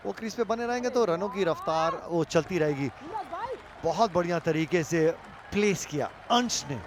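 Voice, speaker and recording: Male Hindi cricket commentator, analytical and explanatory, high voice, noisy outdoor ambience. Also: normal speed.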